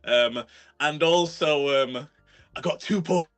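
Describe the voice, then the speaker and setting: A man's voice: on the high side, slow pace, fairly bright tone, faint music behind. A man with a London accent, a guest in a casual chat, talking animatedly with lots of slang and frequent laughter. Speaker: guest battle rapper.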